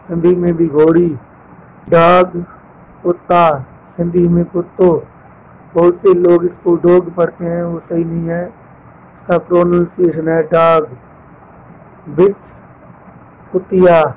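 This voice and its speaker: A man teaching English vocabulary, listing word pairs with translations in a slow, deliberate way. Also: high voice, a little mellow, slight background noise, low-quality recording.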